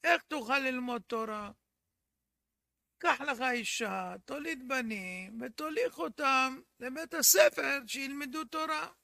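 A man's voice: very high-pitched, gravelly, bright, forceful tone, dry recording, heavily acted. A man voicing a wealthy elderly father who lectures his grown son, in a story told during a religious lesson. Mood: reproachful.

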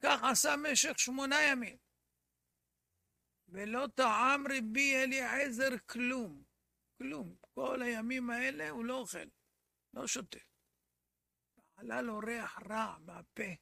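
A man teaching a religious lesson, telling a traditional story in an earnest way, often dropping to a quiet, intense tone for emphasis. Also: very high-pitched, gravelly, pauses often, dry recording. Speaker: Torah teacher.

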